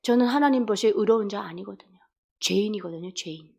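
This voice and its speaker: A woman's voice: medium pitch, fast, gravelly, dark tone, slightly rough. A woman from Korea, speaking, preaches a sermon as a deaconess. She tells stories, acts out dialogues and asks the congregation questions. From North Korea.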